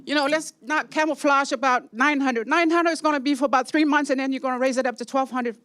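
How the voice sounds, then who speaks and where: High-voiced older woman rambling at a meeting. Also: steady tone, fast talker, fairly bright tone, no room sound. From San Francisco. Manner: rambling, chatty, laughing between points. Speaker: resident giving public comment. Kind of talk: public comment at a meeting.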